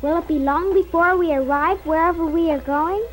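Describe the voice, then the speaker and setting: A woman acting out an innocent young princess in a storybook record. Her voice sits very high and sounds wide-eyed and earnest as she asks question after question. Soft music plays underneath. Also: moderate pace. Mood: curious, innocent.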